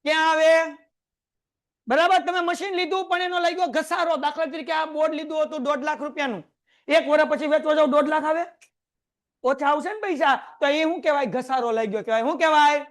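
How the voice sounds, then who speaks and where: High-voiced Kathiawadi teacher quizzing students. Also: male voice, steady tone, a bit bright. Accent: Kathiawadi Gujarati. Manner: quizzes students with quick rhetorical questions. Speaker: accounting teacher. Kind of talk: lively classroom lecture. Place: classroom with a board.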